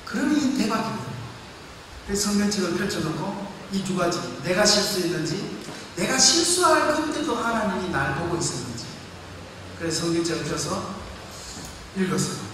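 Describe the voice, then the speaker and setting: Animated male pastor in an echoey hall. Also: sits high, moderate pace, pauses often. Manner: animated storytelling, acting out voices. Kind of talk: sermon. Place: large church hall. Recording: echoey hall, far from mic, faint noise.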